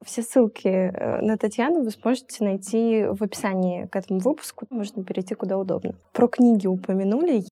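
A woman's voice: medium pitch, brisk, few pauses, mellow, slightly rough. A woman hosting an interview, asking earnest, reflective questions. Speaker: podcast host.

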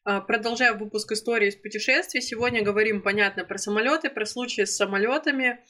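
Fast and slightly high, this young woman's voice sounds pushed and bright as she recounts a trip in her casual vlog. She is from Russia, in her twenties, and chats freely with frequent fillers, self-corrections and occasional laughter.

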